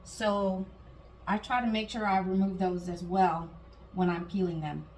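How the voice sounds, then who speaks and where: The cooking host from Guam speaks at a measured pace in a medium-pitched, steady voice with a slightly mellow quality. She chats casually through every step and makes small asides, with clear room ambience and background noise behind her.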